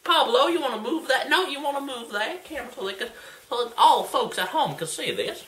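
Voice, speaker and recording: A man's voice: very high-pitched, expressive, fairly quick, pushed and bright, voice pushed down, heavily acted. A young man voicing Floyd, a folksy, goofy male cooking-show host who keeps saying "y'all" and "folks," in a hammy, put-on voice, filmed in a home kitchen by a camera across the room. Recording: echoey kitchen, far camera mic, faint noise.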